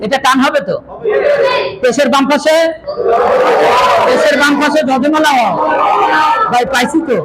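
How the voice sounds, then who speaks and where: A high-pitched man leads a lesson, often calling out rules for students to repeat. A crowd of students and loud room noise fill the recording. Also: fairly even intonation, normal speed, pauses often. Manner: drills rules loudly, often calls out. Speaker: Quran reading teacher. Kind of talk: classroom teaching with call and response. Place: classroom with many students.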